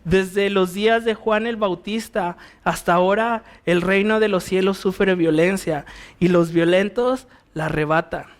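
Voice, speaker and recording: A man with a Mexican accent gives verse-by-verse Bible teaching from the pulpit. His voice sits high for a man. He keeps a conversational tone and often turns rhetorical questions toward his listeners. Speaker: pastor.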